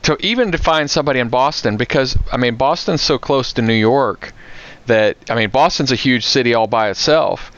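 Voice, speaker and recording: Recorded with dull audio and no room sound, a medium-pitched American man speaks briskly with a slightly bright voice. He's a podcast co-host who works in IT security, chatting casually and sharing anecdotes.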